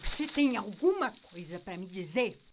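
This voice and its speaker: A woman's voice: mid-range voice, sing-song, moderate pace, noisy background, close to an everyday voice. A woman playing a stern, volatile mother of a young child in a drama. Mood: stern, demanding.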